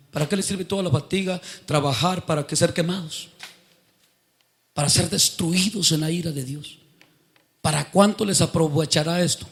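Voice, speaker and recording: A man delivers a sermon in a high voice with a gravelly, creaky edge. He quizzes his listeners on scripture and builds to fervent, loud passages. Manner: quizzes the congregation, rising to fervent outbursts. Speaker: preacher.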